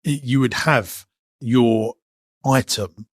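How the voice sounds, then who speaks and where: A man's voice: mid-range voice, takes it slowly, no room sound, studio quality. A man co-hosting a podcast, bantering in a jokey way and often breaking off mid-sentence. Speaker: podcast co-host. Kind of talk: casual banter and read sponsor ad.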